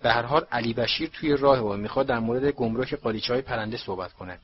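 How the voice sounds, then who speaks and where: Man playing a stiff older official, curt, clipped, impatient, husky, lo-fi. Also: medium pitch, close to an everyday voice. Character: stiff, precise older male bureaucrat.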